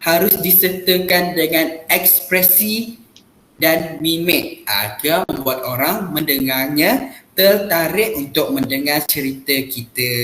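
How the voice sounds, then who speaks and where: Guy teaching class, says ah a lot, slightly high voice, echoey room. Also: fairly bright tone, a little hiss or hum. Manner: patient, explaining with many "ah" fillers. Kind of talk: classroom role-play lesson.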